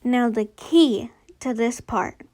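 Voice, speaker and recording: A woman's voice: a little high, slow, a little mellow. A woman with a noticeable lisp from a retainer, narrating a makeup tutorial in a casual, chatty, informal way. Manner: chatty, informal, girlfriend-to-viewer talk.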